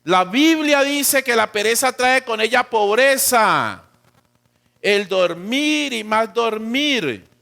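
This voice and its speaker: A man with a Colombian accent preaching a sermon as pastor, swinging between loud emphatic lines and quiet dropped endings, and acting out quoted voices. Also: extremely high pitch, lively intonation, takes it slowly, gravelly. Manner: acts out quotes of God and of church members.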